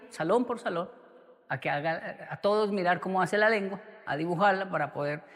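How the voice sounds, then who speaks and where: A man preaching a sermon, telling a story in an animated way. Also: sits high, big-room sound. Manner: animated, acts out quotes. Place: church.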